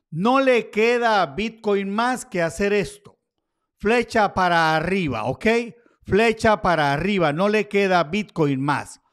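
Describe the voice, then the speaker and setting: A man with a notably high-pitched voice walks viewers through price charts in a chatty, informal way. He tosses in playful asides as he goes, keeping the commentary loose and conversational. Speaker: crypto chart analyst. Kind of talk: casual market commentary over charts.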